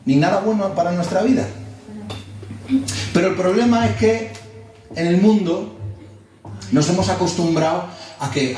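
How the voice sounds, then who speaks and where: A man from Spain preaching a sermon, explaining slowly and repeating words for emphasis. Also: on the high side, mellow, a little hiss or hum. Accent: Spain Spanish. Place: church hall. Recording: distant mic in echoey church hall.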